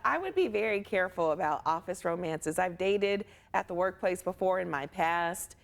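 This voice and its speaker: A woman's voice: fairly low pitch, expressive, moderate pace, vocal fry. A woman co-hosting a local morning TV show, chatting candidly in casual studio banter and laughing easily.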